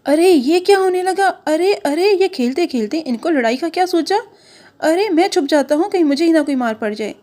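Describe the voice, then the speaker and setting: A woman voicing a lonely, gentle male onion character in a cartoon, plaintive and childlike. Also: extremely high pitch, animated, normal speed, voice pushed up. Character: lonely smelly boy onion, gentle and sad.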